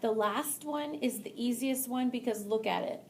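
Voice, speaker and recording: A young woman teaching Spanish grammar to a class, explaining lively and asking students questions. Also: fairly high pitch, normal speed, slight background noise. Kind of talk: classroom lesson.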